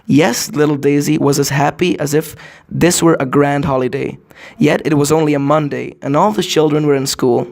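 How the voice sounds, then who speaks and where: Male fairy tale narrator, storybook-opening delivery, gravelly edge, expressive and direct to the listener. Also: fairly high pitch, moderate pace. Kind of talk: fairy tale read aloud.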